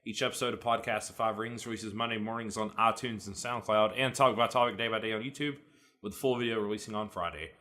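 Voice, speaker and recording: A man's voice: fairly low pitch, fairly even intonation, fast talker, pushed and bright. A man hosting a podcast in a casual, jokey way, laughing often. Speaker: podcast host.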